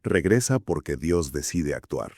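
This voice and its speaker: A man from Spain co-hosting a Bible study podcast, explaining in a measured way. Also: extremely low pitch, big pitch swings, a little mellow, husky, no room sound, studio quality. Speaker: podcast co-host.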